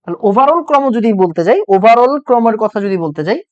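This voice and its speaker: An extremely high-pitched, fast-talking young man with lively intonation teaches an online chemistry class, the audio sounding dull. His throat is sore from talking loudly, and he repeats each point and quizzes his students.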